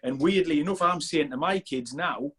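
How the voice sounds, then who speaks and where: This podcast guest is a strength coach in his forties with a Sunderland accent. His voice is on the high side and a bit bright with a breathy edge, at normal speed. He chats casually, rambling with lots of restarts.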